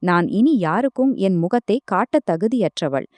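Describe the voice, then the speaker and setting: A woman's voice: medium pitch, expressive, moderate pace, a little mellow, dry recording, close to an everyday voice. A woman reading as a tearful schoolgirl. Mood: distraught. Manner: crying, pleading. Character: frightened tearful teenage schoolgirl.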